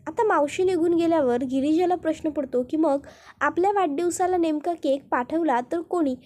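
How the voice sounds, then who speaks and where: High-voiced woman recapping a serial. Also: a little mellow. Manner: brisk, repetitive linking phrases. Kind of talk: storytelling recap narration.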